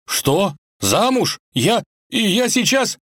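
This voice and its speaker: Guy doing a high frantic young lover, all worked up, storybook style. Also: wildly swooping pitch, a little fast, a bit bright, no room sound, studio quality. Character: excitable lovesick young man.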